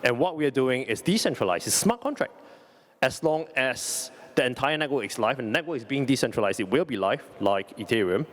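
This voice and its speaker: Male conference presenter, medium pitch, informal lightning-talk delivery, halting with frequent repeats and self-corrections. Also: expressive, a bit bright. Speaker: company CEO presenting.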